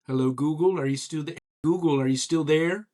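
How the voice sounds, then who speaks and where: A man with a somewhat high voice casually telling a joke, speaking to a voice assistant. He repeats his commands and enunciates carefully as he narrates the story. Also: brisk, dark tone.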